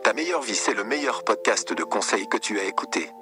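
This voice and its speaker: A man voicing a know-it-all male robot sidekick on a podcast, speaking through a deep robotic voice filter in flat, self-assured pronouncements. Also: brisk, faint music behind. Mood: boastful.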